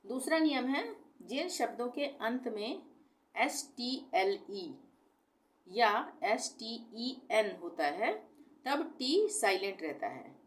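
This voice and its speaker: A woman teaching pronunciation, spelling words out slowly letter by letter, asking questions and answering them herself. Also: fairly high pitch, big pitch swings. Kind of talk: explaining a lesson step by step.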